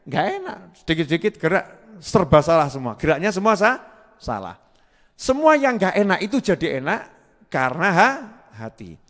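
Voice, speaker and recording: Guy preaching, high voice, keeps asking and answering himself, echoey hall. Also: big pitch swings, moderate pace, fairly bright tone. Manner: repetitive question-and-answer preaching, chanting Arabic phrases. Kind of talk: sermon.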